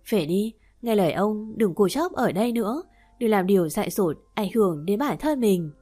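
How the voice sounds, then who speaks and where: A woman voicing a gentle, firm old grandfather spirit in a storybook reading, speaking softly and urging. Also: medium pitch, animated, moderate pace, soft background music, lightly acted.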